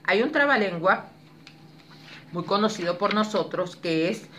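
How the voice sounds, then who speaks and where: A woman leading a public speaking workshop, explaining exercises clearly and demonstrating intonation with lively expression. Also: mid-range voice, unhurried, a little hiss or hum. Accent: Spanish. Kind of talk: teaching a workshop. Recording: echoey room, voice from a distance.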